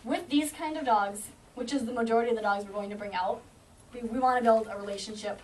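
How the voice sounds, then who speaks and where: A woman's voice: a little high, a little mellow. Confident woman trainer heard from afar. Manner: confident, explains with quick acted-out dog thoughts. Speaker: shelter animal trainer. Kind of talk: teaching a group of volunteers. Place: indoor room at an animal shelter. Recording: distant camera mic, faint noise.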